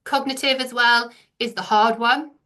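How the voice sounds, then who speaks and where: Woman, English accent, middle-aged, bright clear tone, teacher trainer, explanatory, poses questions to the room. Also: fairly high pitch, steady tone, normal speed. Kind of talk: presenting a training session.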